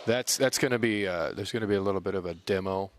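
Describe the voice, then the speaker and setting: A man's voice: low voice, fast talker, a little hiss or hum. A man doing live sports commentary as a tournament announcer, mixing casual remarks with score calls.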